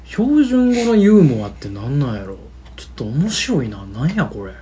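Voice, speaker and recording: A man's voice: medium pitch, wildly swooping pitch, normal speed, dark tone. A man with a Kansai accent chatting casually as a podcast co-host, teasing his partner and laughing often. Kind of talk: casual chat.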